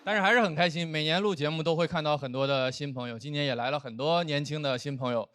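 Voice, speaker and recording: A man in his thirties hosting a stand-up comedy show, talking in a playful, animated way into a stage microphone before a live audience. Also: on the high side, fast, heavy background noise.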